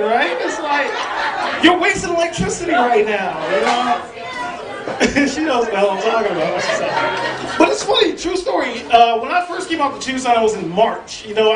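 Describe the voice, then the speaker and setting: On a comedy club stage before a live crowd, a stand-up comedian from the southern United States, with a very high voice, delivers a brash, profane set and teases the audience. The live club audio is roomy, captured from a distance, very noisy, with crowd sound.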